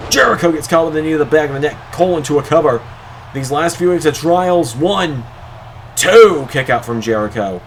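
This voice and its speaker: A man doing play-by-play as a wrestling commentator, excitable, drawing out the calls of the moves. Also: a little high, a little hiss or hum. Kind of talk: wrestling commentary of a video game match.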